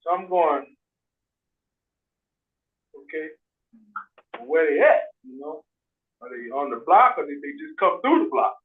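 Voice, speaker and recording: A man on a crackly phone line that keeps fading in and out rambles through a community update, full of fillers and restarts. His voice sits a touch high for a man and sounds tinny and far from the mic. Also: big pitch swings, measured pace, pauses often. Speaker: community member reporting to a meeting. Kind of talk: casual call-in chat.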